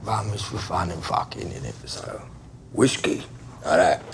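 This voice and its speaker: An actor playing a volatile gangster who swings from loud, jovial bluster to menacing whispers, his voice gravelly. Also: low voice, animated, measured pace, very noisy, full character voice. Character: volatile London gangster, bakery-distillery boss, middle-aged man.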